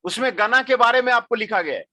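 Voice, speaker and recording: Middle-aged male lecturer, high and bright, unhurried, repetitive delivery, dry close sound. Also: animated, no echo. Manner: mixes Hindi and English, repeats phrases, frequent filler "aapko". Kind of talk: classroom lecture.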